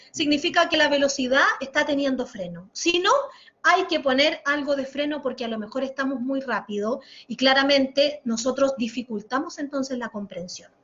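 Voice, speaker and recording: A woman with a Chilean accent leads an online communication workshop, pronouncing each sound with deliberate, exaggerated care. Her voice sits high and she stops to respond to comments from viewers. The lesson is captured through a computer mic in a muffled, lo-fi screen recording. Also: fairly bright tone. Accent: Chilean Spanish. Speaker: workshop instructor.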